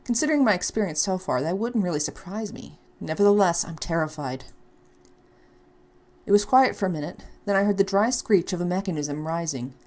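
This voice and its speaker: A woman reading a visual novel aloud as a let's play, in a lowish voice that swings all over in pitch. She plays up the panic and the jokes with sarcastic asides, leaping from near-whispers to squeals. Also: brisk. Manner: animated, sarcastic, comic asides. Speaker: game player.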